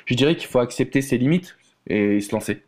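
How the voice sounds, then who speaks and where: A French man, a relationship coach, talking as a guest in a relaxed, candid way with many fillers. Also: medium pitch, brisk. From France. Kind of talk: conversational interview.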